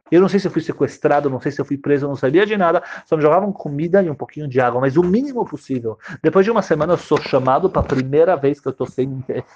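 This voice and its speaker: A troubled man pours out his ordeal in earnest, repetitive bursts, as a man puts him on. The voice is husky and quick. The recording sounds dull and lo-fi. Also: a little high, a little mellow. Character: troubled grown man recounting a prison ordeal.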